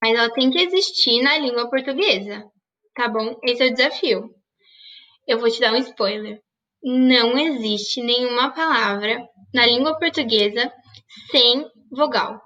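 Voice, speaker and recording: A woman's voice: on the high side, measured pace, pushed and bright, far from the mic, dull audio. A woman teacher giving an online grammar lesson, asking questions and answering them herself. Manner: didactic, asks and answers her own questions.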